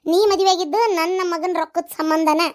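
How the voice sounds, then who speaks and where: Cartoon old mother-in-law played by a woman, North Karnataka Kannada accent, very high, fast, needling. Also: steady tone. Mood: accusing. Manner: scolding, mocking, rapid-fire accusations. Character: sharp-tongued elderly mother-in-law, scolding and suspicious. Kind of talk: cartoon story voice acting.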